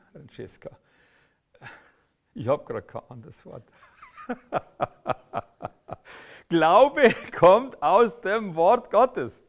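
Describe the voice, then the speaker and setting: A man preaching a sermon, emphatic, swinging from loud outbursts to quiet intensity. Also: high-pitched.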